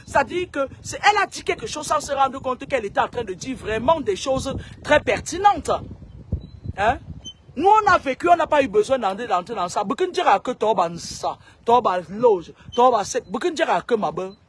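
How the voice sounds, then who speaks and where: A woman's voice: sits high, animated, moderate pace, a little hiss or hum. A woman speaking straight to camera in a long, scolding monologue. She repeats herself and stammers on words as she goes. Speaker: self-styled seer.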